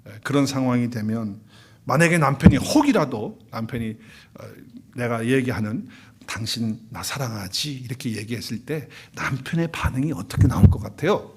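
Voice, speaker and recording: A man's voice: medium pitch, moderate pace, breathy edge. A male pastor preaching a Sunday sermon in a church, asking the congregation questions and acting out quoted couples. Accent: Korean. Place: church sanctuary.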